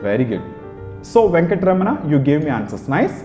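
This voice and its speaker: A man with a Telugu accent teaching spoken English, drilling phrases in rapid rhythmic lists. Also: a little high, big pitch swings. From India. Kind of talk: classroom English lesson. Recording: echoey room, dull sound, music behind.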